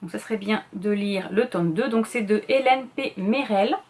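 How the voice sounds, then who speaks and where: Presenting her reading challenge list, a middle-aged woman talks casually and quickly about upcoming books, even admitting she talks too fast. Her medium-pitched, slightly mellow voice rambles along, full of fillers and self-corrections.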